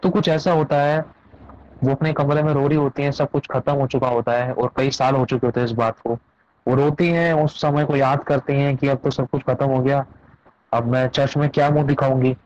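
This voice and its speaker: A man's voice: medium pitch, steady tone, normal speed, darkish tone, dry recording. Guy preaching a sermon story, emphatic and repetitive, dull dry lo-fi sound. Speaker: pastor.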